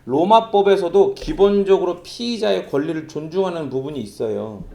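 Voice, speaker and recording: A man's voice: on the high side, expressive, moderate pace, vocal fry, dark tone. A middle-aged man preaching a sermon as pastor, talking in a conversational, storytelling way. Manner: conversational, storytelling with vivid sound imitations.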